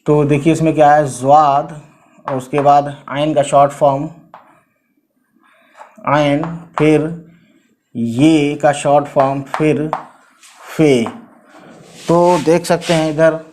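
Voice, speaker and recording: A man teaching as a language tutor, talking casually, slowly sounding out letters and often adding little tag questions to check on his students. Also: a little high, fairly even intonation, darkish tone, a little hiss or hum. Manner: slow, repeats letters and sounds out spellings; frequent "theek hai" and "hai na" tags.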